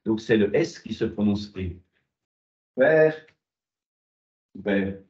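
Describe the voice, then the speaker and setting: A man's voice: lowish voice, animated, takes it slowly, a little mellow. A man lecturing a university class, asking rhetorical questions and answering them himself. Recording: muffled, echoey classroom.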